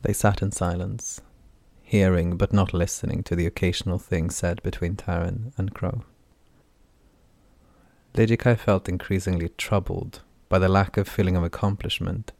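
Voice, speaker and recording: A man narrates a fantasy novel audiobook in a low, steady voice. His delivery stays flat and measured rather than theatrical. The recording is dry and close-miked. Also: gravelly, no echo. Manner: even, measured reading.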